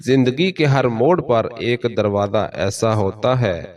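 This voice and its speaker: A man with a Pakistani Urdu accent giving a solemn, measured motivational sermon in a steady preaching cadence. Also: medium pitch, distant mic. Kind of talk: scripted motivational sermon narration.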